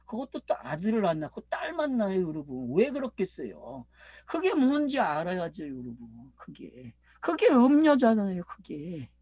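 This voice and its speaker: A man's voice: wildly swooping pitch, normal speed. A middle-aged man, a pastor, preaching a sermon and often asking the congregation questions. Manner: preaching, asking the congregation questions, with big swings in pitch and loudness.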